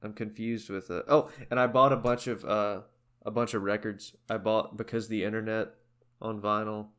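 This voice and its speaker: A man's voice: on the low side, moderate pace, clean tone. A young man co-hosting a podcast, chatting casually about records and bands with lots of fillers. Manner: rambling, relaxed, many fillers. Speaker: podcast co-host. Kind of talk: casual chat.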